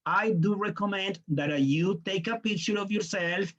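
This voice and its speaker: At a normal pace, a Colombian teacher trainer with a high, slightly bright voice delivers an online workshop lecture in Colombian Spanish. He lays things out step by step, briefly speaking as students and parents, and the audio comes across dull.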